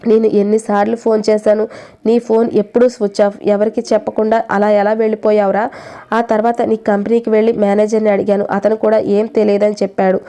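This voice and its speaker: A woman's voice: mid-range voice, flat delivery, brisk, dark tone, lightly acted. A woman reading as a scolding grieving mother. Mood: reproachful. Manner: scolding, reproachful. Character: angry grieving middle-aged mother.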